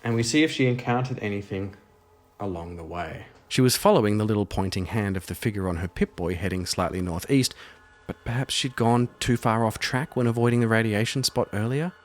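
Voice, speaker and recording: With a voice on the low side and a slightly quick pace, a man runs a solo role-playing audio show. He shifts between telling the story and casually reasoning through the game aloud, adding self-deprecating asides.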